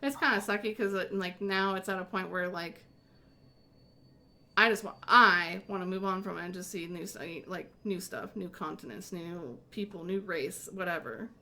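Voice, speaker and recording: A woman's voice: on the low side, normal speed, bright, forceful tone. Rambling woman hosting a casual game chat. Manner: rambling, many fillers and restarts. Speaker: host.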